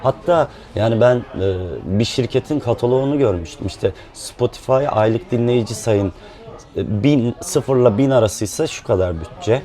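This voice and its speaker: Relaxed man with a dark voice. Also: medium pitch, normal speed. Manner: relaxed and explanatory, with frequent fillers. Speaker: independent musician and guest. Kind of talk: casual chat.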